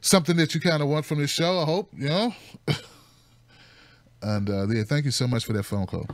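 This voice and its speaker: Relaxed male call-in host, laughing banter, slightly high voice, dry close sound. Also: fairly quick, no echo. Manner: loose, laughing, friendly banter. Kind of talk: casual talk show hosting.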